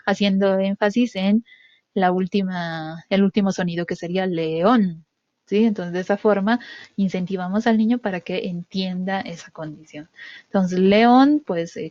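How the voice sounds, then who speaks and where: A woman with a medium-pitched, darkish voice demonstrates a test procedure one step at a time in an instructional walkthrough. She uses many fillers, keeps asking "¿sí?" to check understanding, and emphasizes key sounds. The audio is dull with no echo.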